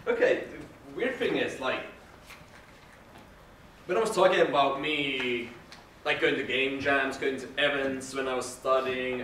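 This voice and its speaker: A man's voice: medium pitch, a bit bright. Guy rambling on stage, echoey hall, mic far away. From Finland. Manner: rambling, self-deprecating, swears casually. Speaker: conference speaker, sound designer. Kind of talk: casual conference talk. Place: large conference hall. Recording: echoey hall, distant mic, faint noise.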